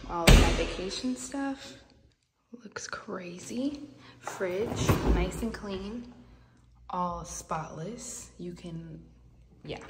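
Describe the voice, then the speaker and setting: A young woman with a lilt chatters quickly through a tour of her emptied apartment. She keeps repeating "here goes" as she points out each room. Her voice bounces around the bare rooms with a long, roomy echo, and steady noise sits underneath it. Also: fairly low pitch. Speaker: vlogger. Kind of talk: casual vlog apartment tour. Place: empty apartment with bare hard floors. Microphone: handheld phone camera at arm's length. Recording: echoey empty rooms, noisy.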